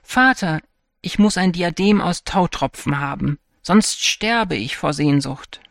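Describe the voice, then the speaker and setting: A man voicing a spoiled, vain young princess in a fairy tale, speaking high and plaintive. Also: lively intonation, slow, vocal fry, fairly bright tone, no room sound, clean studio sound, heavily acted. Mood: demanding.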